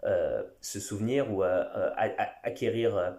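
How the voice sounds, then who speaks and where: A man who teaches English, talking casually on his podcast with many pauses and restarts. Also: on the low side, warm tone, echoey room. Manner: conversational, many fillers and restarts. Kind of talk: casual solo podcast talk.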